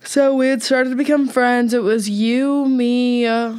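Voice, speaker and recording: A woman's voice: on the high side, steady tone, measured pace, darkish tone, clean tone. A young woman, hosting a casual podcast chat with friends and telling a college story with lots of laughter. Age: young adult. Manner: chatty storyteller, laughs often. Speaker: podcast host.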